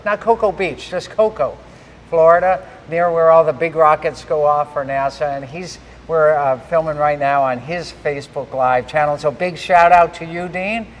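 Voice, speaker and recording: A man hosting a live giveaway stream, giving shout-outs and recapping in repeated announcer-like phrases. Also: on the high side, moderate pace. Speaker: host of a live giveaway show. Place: large garage with a stage. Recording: echoey hall with faint background noise.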